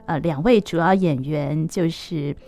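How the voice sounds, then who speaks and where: A woman's voice: sits low, a little slow, warm tone, soft background music. Chatty woman host, frequent interjections. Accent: Taiwanese Mandarin. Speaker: radio host. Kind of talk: casual interview.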